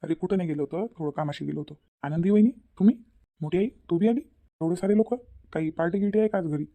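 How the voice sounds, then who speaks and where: Woman doing a laid-back young husband in a cartoon, deep mellow voice, brushes everything off, dry sound. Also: quick pace, no room sound. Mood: offhand. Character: young husband, easygoing and evasive.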